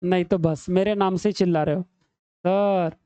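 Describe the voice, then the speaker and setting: Chatty male tutor, dark smooth voice. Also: high-pitched, steady tone, fast, no room sound. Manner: chatty, teasing, calls students beta and bhai. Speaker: teacher. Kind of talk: exam-prep reasoning lesson at a screen.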